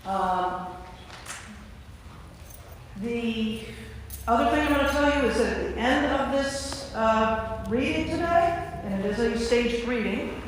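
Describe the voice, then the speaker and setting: This woman priest's voice is a little high and animated, and she takes her time. Acting as host and narrator in a big indoor church, she offers a casual welcome followed by scripted narration of a staged reading, captured distantly in an echoey hall with faint noise.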